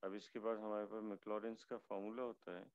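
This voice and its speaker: A male lecturer with a hoarse voice, teaching a math class online slowly and haltingly, with many fillers. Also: fairly low pitch, little pitch movement, a little mellow, no room sound, highs cut off. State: hoarse, fasting.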